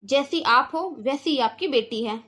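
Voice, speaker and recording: A woman voicing a stingy, sharp-tongued aunt by marriage who lectures her niece in a cartoon. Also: high-pitched, a little slow. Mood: dismissive. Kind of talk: cartoon voice acting.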